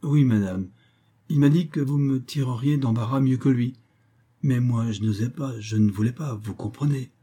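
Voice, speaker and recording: A man's voice: mid-range voice, normal speed, mellow, slightly rough, natural voice. A man reading aloud and voicing a timid young man who speaks in a hesitant, apologetic way.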